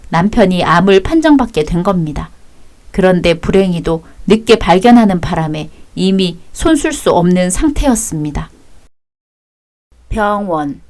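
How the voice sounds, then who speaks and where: A woman narrating a dramatized personal story in a calm, formal, scripted way. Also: lowish voice.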